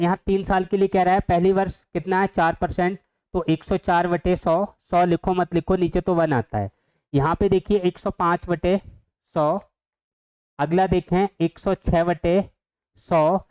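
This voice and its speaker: A man's voice: high-pitched, darkish tone, clear, resonant tone, low-quality recording. A man teaching an exam-prep math lesson, who keeps asking the viewers questions and then answers them himself.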